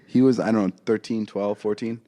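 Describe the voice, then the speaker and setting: A young man co-hosting a podcast, trading quick, joking banter and laughing often. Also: on the low side, steady tone, dark tone. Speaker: podcast co-host.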